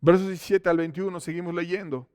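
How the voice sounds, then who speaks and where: A pastor delivers an emphatic sermon in a fairly high voice for a man. He rises to loud exclamations, then drops to hushed, intimate asides. The sound is close and dry. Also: fairly even intonation, fairly quick, clean tone, no room sound. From Mexico. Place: church.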